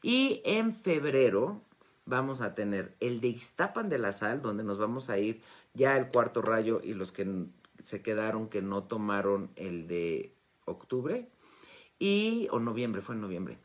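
Speaking at a measured pace with wide pitch swings in a bass voice, a Mexican-accented woman in her fifties chats warmly and casually with followers in a live session. She teaches wellness and metaphysics and is hosting a Q&A from her bookshelf-lined home study, using a phone or tablet at arm's length.

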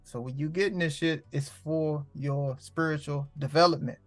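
A man's voice: on the high side, steady tone, normal speed, dry recording, soft background music. A man hosting a casual spiritual talk, rambling and profane, heavy on street slang. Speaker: host.

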